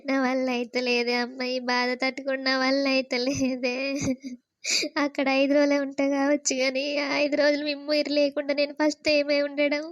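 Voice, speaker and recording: A woman's voice: high-pitched, little pitch movement, brisk, no room sound, lo-fi sound, close to an everyday voice. A woman voicing a tearful young bride in a cartoon, speaking with a Telangana accent and a pleading tone. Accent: Telangana Telugu. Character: tearful young bride leaving her parents' home. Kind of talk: cartoon voice acting.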